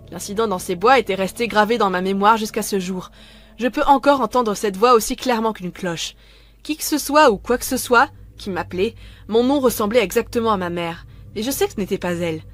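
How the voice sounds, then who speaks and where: A woman narrating a first-person horror story in a calm, measured way, scripted. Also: mid-range voice.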